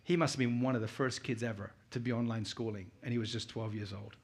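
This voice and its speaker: At a medium pitch and with a steady tone, a middle-aged British man talks fast, with a breathy edge, as a guest speaker at a conference. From the United Kingdom and born in Uganda, he keeps it conversational and informal, sharing personal anecdotes and putting questions to his listeners.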